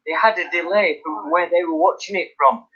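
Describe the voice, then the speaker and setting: Bloke hosting a stream, high bright voice, swears a lot, muffled lo-fi sound. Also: male voice, fairly quick, breathy edge. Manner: animated storyteller, swears freely, laughs. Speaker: live stream host. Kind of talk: casual chat. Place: indoors by an open attic window. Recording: dull lo-fi stream audio.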